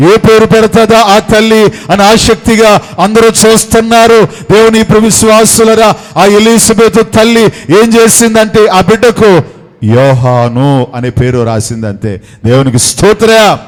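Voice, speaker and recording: High-pitched preacher guy in his 30s, fervent, drops soft for emphasis, big echoey church hall. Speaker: pastor. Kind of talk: sermon. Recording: reverberant hall.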